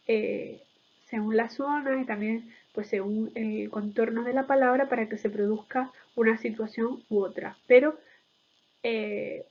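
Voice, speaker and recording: A woman's voice: fairly high pitch, highs cut off. A woman giving an explanatory lecture in a didactic way, often checking in with short tag questions.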